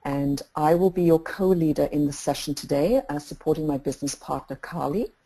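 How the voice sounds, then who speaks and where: A middle-aged woman from England, a coach introducing a webinar, talking in a measured way with frequent fillers and restarts. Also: deep voice, warm tone, husky, poor audio. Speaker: executive coach and webinar co-host.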